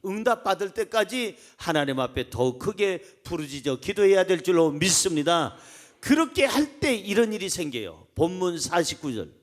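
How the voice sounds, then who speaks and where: A man preaching a sermon as pastor, acting out voices and leading the congregation in reading aloud. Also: high-pitched. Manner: animated, acts out crowd voices, calls congregation to read along.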